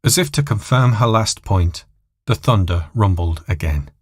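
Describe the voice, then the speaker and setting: A man's voice: on the low side, expressive, measured pace, breathy edge, dry recording, studio quality. A man reading scripted dramatic story narration as the narrator.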